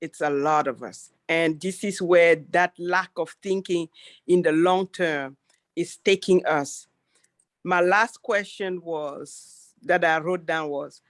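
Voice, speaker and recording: A woman, joining an online town hall from the audience. She speaks slowly and earnestly, with heartfelt emphasis. The sound is close and dry, with no room echo. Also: fairly low pitch, fairly bright tone. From Cameroon. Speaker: audience member. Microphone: video call.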